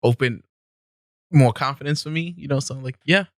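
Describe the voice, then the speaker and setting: Young guy on a podcast, relaxed and rambly, laughs a lot, dry close mic. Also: mid-range voice, brisk, no room sound. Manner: laid-back, laughs often, talks loosely with many "like"s. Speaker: podcast guest. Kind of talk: casual storytelling. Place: podcast studio.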